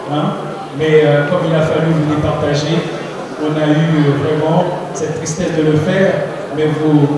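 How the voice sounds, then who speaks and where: Slow-spoken man announcing in an echoing hall. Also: fairly high pitch. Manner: formal, hesitant, many pauses. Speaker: pageant jury spokesman announcing results. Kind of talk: formal stage announcement. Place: large hall with audience. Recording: reverberant hall, distant, crowd noise.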